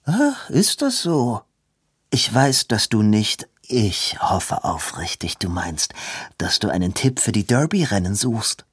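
Haughty aristocrat, read by a male narrator, cold and dismissive, slow and affected in a dry, close audiobook sound. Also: fairly low pitch, sing-song, slightly rough, no room sound, full character voice. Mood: haughty disdain. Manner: disdainful, clipped, affected. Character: haughty aristocratic lord, coldly dismissive man.

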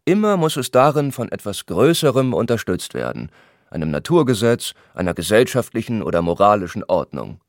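A man voicing a pompous older gentleman who lectures in a lofty, declaiming way, in an audiobook reading. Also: lowish voice, big pitch swings, brisk, no room sound, clean studio sound. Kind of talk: audiobook character voice.

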